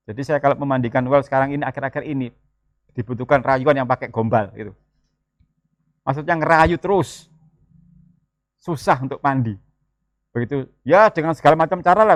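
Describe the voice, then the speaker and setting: A man, preaching a sermon in a lively, joking way and mixing in words. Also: medium pitch, no room sound. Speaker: pastor. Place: church.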